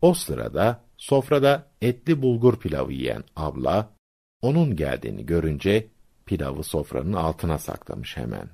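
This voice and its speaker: A man tells folk tales and explains sayings in a scripted, measured radio narration. His voice is very low, gravelly and husky, moving through a wide melodic range at an unhurried pace. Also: sing-song, a little mellow. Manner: measured, didactic storyteller.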